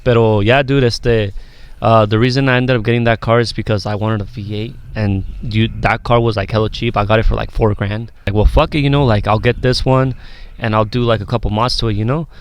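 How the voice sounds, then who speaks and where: A man's voice: on the low side, fairly even intonation, brisk, clear, resonant tone. A man guesting on a podcast in casual chat, easygoing, slipping Spanish fillers into his English.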